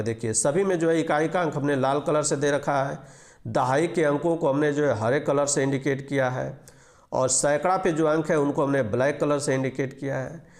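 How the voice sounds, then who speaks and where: A man teaching basic arithmetic step by step, patiently repeating each rule and quizzing before answering. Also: fairly high pitch. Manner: patient, repetitive, walks through each digit and asks questions before answering. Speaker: math teacher. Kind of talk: explaining an arithmetic lesson step by step.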